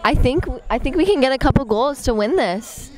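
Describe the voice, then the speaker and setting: A woman's voice: sits high, expressive, a little fast, noisy background. A young woman as a playful co-commentator, putting on an earnest pundit tone. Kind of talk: playful mock sports commentary. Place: outdoors at a soccer field. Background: crowd at a game.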